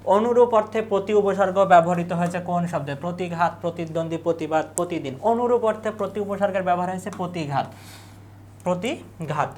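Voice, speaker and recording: A young adult tutor gives an exam revision lesson. The tutor asks quiz questions and answers them in quick lists. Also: medium pitch, darkish tone, slight background noise.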